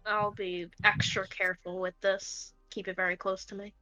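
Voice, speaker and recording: A woman's voice: mid-range voice, little pitch movement, normal speed, bright, forceful tone, faint music behind, rough recording. A woman playing in a tabletop game over a voice call, eager and chatty. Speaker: player. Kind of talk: casual tabletop play.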